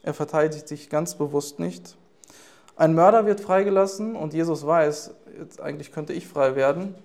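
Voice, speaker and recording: A man preaching a sermon in an earnest way, pausing to search for his words. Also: on the high side, darkish tone.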